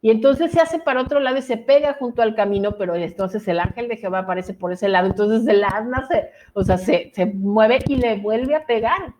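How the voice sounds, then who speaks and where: A woman Bible teacher retelling a story to an online class in a lively, conversational way with quick asides, on a video call mic. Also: fairly high pitch, slight background noise, rough recording.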